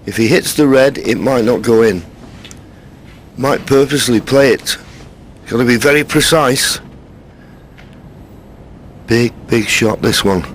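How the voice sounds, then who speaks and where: A man giving hushed, measured live snooker commentary in short phrases. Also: mid-range voice. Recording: crowd ambience and faint noise. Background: snooker arena audience.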